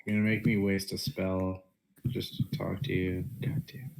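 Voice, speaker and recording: A man with a fairly low voice talks as a player at a tabletop game. His delivery is casual, conversational table chat. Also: level tone, moderate pace, creaky, darkish tone, poor audio.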